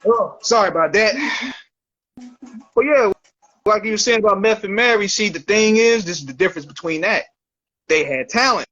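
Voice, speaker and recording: A man's voice: sits high, moderate pace, long pauses, a bit bright, muffled recording, faint music behind. A man hosting a casual talk show, with loose, slangy talk that keeps repeating and restarting. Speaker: show host. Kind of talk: casual chat.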